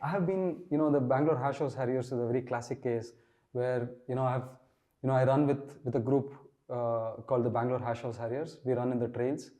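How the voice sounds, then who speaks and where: Hesitant man with a mellow voice. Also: mid-range voice, steady tone, a little fast. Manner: hesitant, repeats words when starting a thought. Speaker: guest, runner. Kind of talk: conversational interview answers.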